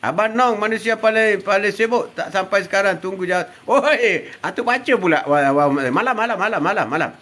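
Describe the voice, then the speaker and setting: A man's voice: high-pitched, a little fast, few pauses, fairly bright tone. An older man with a Malaysian Malay accent, chatting casually on a live stream, greeting viewers by name and teasing them with laughs. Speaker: live-stream host reading viewer comments.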